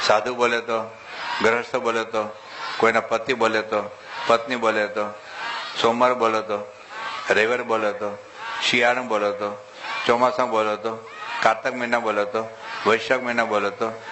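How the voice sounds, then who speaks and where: A male monk giving a humorous sermon to a live audience, talking in a lively, rhetorical way and quizzing the crowd for loud answers. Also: fairly low pitch, background noise.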